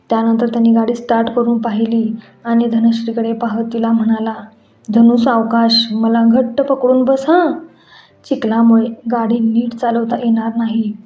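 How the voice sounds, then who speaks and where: A woman reads a story aloud in a steady, even voice that sits slightly high. The sound is echoey and dull, with faint music underneath. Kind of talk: scripted story narration.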